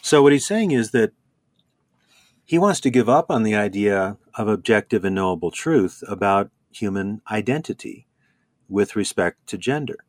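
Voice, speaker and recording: Man, lower register, measured explainer, dry close mic. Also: expressive, a little mellow, no echo. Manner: measured, explanatory, quotes others. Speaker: commentator. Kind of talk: conversational commentary.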